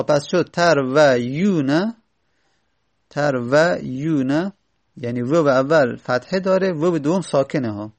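A man teaching a grammar lesson, slowly repeating and sounding out word forms and correcting himself as he goes. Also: medium pitch, vocal fry, a little mellow.

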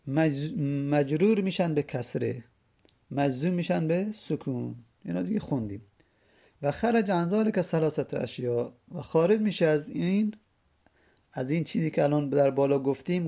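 A man teaching an Arabic grammar lesson in Persian, reading each rule aloud and then explaining it slowly with repeated examples. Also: on the high side, vocal fry, dark tone.

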